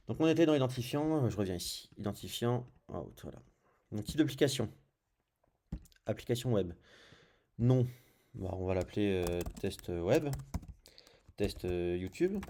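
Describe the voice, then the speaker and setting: Tutorial host: male, French accent, deep-ish warm tone, relaxed screen-share narration full of small fillers. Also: unhurried, gravelly, pauses often. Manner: thinks aloud while clicking through screens, frequent "hop" and "euh". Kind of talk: casual screencast coding tutorial.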